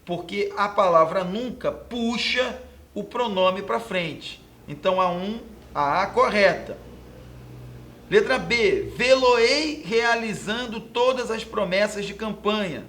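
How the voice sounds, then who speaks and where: A high-voiced man from Brazil walking through exam questions as a Portuguese teacher. He explains each answer patiently, points things out on the board and keeps checking in with his students. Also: expressive, slow pace, a bit bright, slight background noise. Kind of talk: exam question walkthrough lesson.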